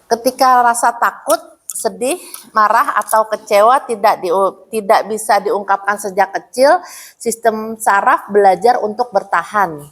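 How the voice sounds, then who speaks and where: A woman's voice: mid-range voice, a little slow. A woman giving a casual teaching talk to a women's study group in a prayer room, chatty and addressing her listeners directly. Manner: chatty, addresses listeners as "Bu", acts out quoted mothers.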